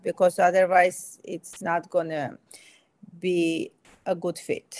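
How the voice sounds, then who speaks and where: A middle-aged aesthetic medicine physician from Armenia, speaking with an Armenian accent, answers as an interview guest with enthusiasm and emphasis. Her voice is lowish and darkish in tone, with no echo.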